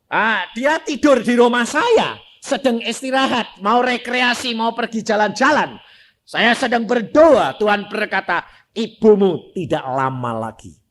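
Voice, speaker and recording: Animated older preacher with speech. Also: male voice, very high-pitched, unhurried. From Indonesia. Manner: animated, swinging from loud exclamations to quiet asides, acting out family dialogue. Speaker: evangelist preacher. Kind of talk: sermon with storytelling.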